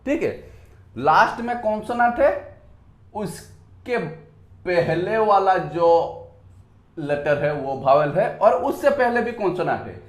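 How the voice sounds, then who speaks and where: A man with an Indian accent teaching an English grammar lesson at a whiteboard, saying words slowly and repeating them, switching between Hindi and English. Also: high voice, animated. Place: room with a whiteboard. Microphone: phone on a tripod. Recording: echoey room.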